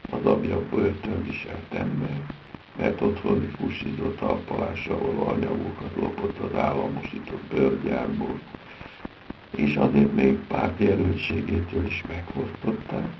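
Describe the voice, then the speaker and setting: A man giving a theatrical reading of literary prose, with a dramatic delivery. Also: vocal fry. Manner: theatrical, dramatic delivery with big pitch swings. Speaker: reader. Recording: dull lo-fi recording with steady background noise.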